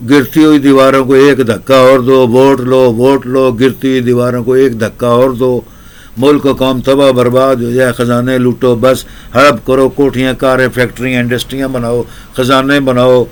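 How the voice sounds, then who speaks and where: A man's voice: medium pitch, smooth. A man telling a folk tale in a casual spoken style, rambling into commentary with long, repetitive lists. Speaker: storyteller.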